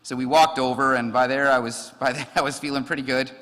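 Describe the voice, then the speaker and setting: A firefighter giving a eulogy at a memorial service, telling funny stories about a colleague in a relaxed, conversational way. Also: male voice, medium pitch, quick pace. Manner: conversational storytelling, frequent ums and laughs. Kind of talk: memorial tribute with anecdotes. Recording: long reverb of a large hall.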